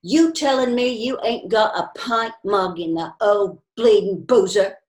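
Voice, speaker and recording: A stubborn old pub regular who grumbles about beer and the past, as a woman reader puts him on. He pushes his voice higher and louder than the narration, gruff and pugnacious. The recording has a roomy echo. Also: a little slow. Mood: indignant.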